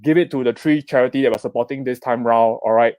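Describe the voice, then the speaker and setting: A middle-aged man with a Singaporean accent gives an investment talk as a live online seminar at a virtual summit, repeatedly asking "okay?" and "right?" and urging viewers to type in the comments. His medium-pitched voice is a little mellow and smooth, fairly even in intonation and quick in pace. There's no room sound.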